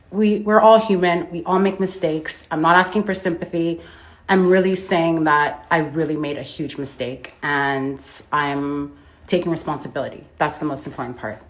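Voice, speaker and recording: A woman talking defensively into her phone, rambling and filling her sentences with "like" as she makes an apology video. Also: deep voice. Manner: defensive, rambling, heavy use of "like". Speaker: business owner making a public apology.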